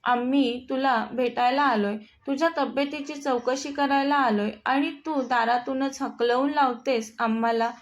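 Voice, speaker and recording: A woman's voice: sits high, steady tone, a little slow, hardly any pauses. A woman voicing a sly, cunning young man who wheedles in a storybook reading. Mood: wheedling.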